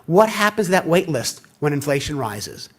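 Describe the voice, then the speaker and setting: Husky-voiced man giving a keynote. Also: a little high, moderate pace. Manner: animated storyteller acting out quoted dialogue. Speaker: keynote speaker. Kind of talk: conference keynote storytelling. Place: conference hall.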